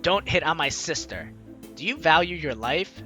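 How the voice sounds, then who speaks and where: Her voice is deep, animated, bright and forceful as she plays host on a let's play at a moderate pace. She reads the game's narration and lines with playful hamminess and off-the-cuff asides, over background game music.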